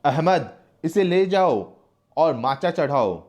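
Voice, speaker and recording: A man voicing a brutal male police henchman who barks out orders loudly. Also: medium pitch, slow, close to an everyday voice. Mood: commanding. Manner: loud barked commands.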